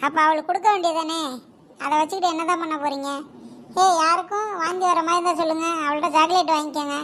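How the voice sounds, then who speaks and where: A woman plays a fed-up cartoon schoolteacher herding pupils on a trip, all exasperated orders and scolding. She speaks with a Kanyakumari Tamil accent in a very high voice. A faint hum sits under her lines. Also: steady tone, quick pace, a bit bright, rough recording. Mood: lecturing. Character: scolding harried female school teacher. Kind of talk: cartoon voice acting.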